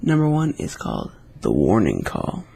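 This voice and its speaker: A man's voice: fairly low pitch, wildly swooping pitch, moderate pace, vocal fry, dark tone, husky. A man casually reading scary stories aloud, with chatty, rambling asides between them. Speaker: YouTube storyteller.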